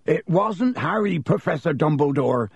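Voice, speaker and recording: A man's voice: on the high side, expressive, a little slow, vocal fry, husky, no echo, voice pushed up, heavily acted. A man voicing a big, loyal groundskeeper who speaks urgently in an audiobook. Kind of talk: audiobook character voice.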